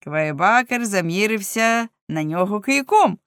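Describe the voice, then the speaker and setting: Woman reading a storybook, lots of pitch swing, dry close sound. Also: measured pace, no room sound. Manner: expressive, animated reading. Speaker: narrator.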